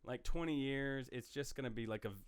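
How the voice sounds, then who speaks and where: A man co-hosting a casual podcast, talking excitedly about games. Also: medium pitch, fast, clear, resonant tone.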